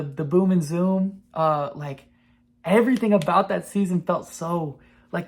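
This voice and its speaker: A man in his twenties hosting a podcast, talking in a rambling, profane, excitable way in casual sports chat. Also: fairly high pitch. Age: 20s. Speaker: podcast host.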